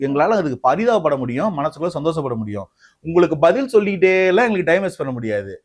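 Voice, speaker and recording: A man's voice: a little high, very animated, racing. A man speaking as a party spokesman in a heated interview, combative and mocking, talking over the interviewer.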